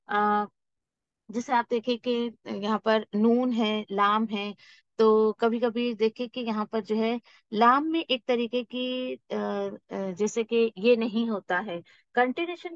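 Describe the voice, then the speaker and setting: A woman teaching Quran recitation rules, explaining patiently and reciting example words slowly and drawn out. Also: fairly high pitch, dry recording. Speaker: tajweed teacher. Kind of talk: recorded Quran recitation lesson. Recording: dull, dry lo-fi recording.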